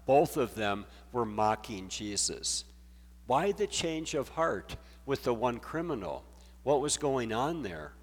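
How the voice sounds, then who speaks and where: Male pastor preaching slow, mid pitch, big echoey hall sound. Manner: measured, slow preaching with scripture readings. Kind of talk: sermon.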